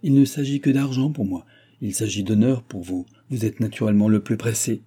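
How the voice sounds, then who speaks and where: A man voicing a fawning, anxious old countess in an audiobook reading, with a husky voice. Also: lowish voice, brisk, warm tone, natural voice. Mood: effusive.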